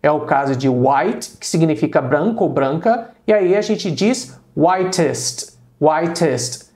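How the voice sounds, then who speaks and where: A man's voice: a little high, darkish tone. Patient Brazilian man teaching English. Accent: Brazilian Portuguese. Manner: patient and repetitive, slowly spelling out English examples, asking rhetorical questions. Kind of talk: explanatory grammar lesson.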